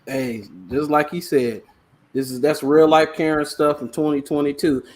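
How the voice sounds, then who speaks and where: A man hosting a sports podcast, talking in an animated way and laughing now and then. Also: on the high side, moderate pace. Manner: animated, laughs, mimics voices for effect. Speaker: podcast host. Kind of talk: casual sports podcast commentary.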